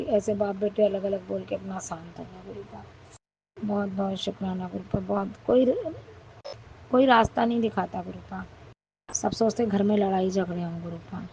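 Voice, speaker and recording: A middle-aged woman recounts a family episode in an earnest, devotional testimony, returning to thanks again and again. Her voice is gravelly and mellow. The recording is dull and lo-fi with a faint hiss beneath it. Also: medium pitch. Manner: earnest, repeatedly thanking the guru.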